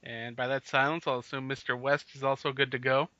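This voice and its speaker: A man's voice: medium pitch, little pitch movement, brisk, pushed and bright, no room sound. A man co-hosting a casual sports podcast, leading the talk and laughing often. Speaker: podcast co-host. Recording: dull lo-fi podcast audio.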